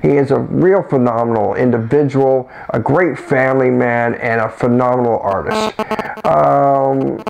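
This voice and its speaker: A man's voice: medium pitch, a little slow, vocal fry, darkish tone, poor audio. A man co-hosting a casual chat, rambling along with frequent restarts. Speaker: co-host.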